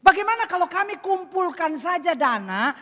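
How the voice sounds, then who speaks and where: A woman voicing a middle-aged male shop owner who talks in a loud, insistent, pushy way during a sermon story. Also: medium pitch, expressive, moderate pace, breathy edge, voice pushed down. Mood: eager. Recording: reverberant church hall.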